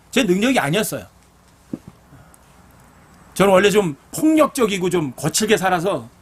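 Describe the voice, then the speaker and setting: A man's voice: high voice, husky. A middle-aged man, a pastor, preaching a blunt, earnest sermon full of personal stories.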